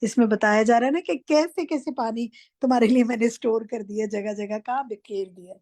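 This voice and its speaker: A woman runs an online class. She calls on students and corrects their reading firmly. Her voice sits fairly high, and the sound is dry and close. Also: mellow, no echo. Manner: firm, corrects students directly. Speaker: teacher leading an online class. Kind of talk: interactive class quizzing students. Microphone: online class microphone.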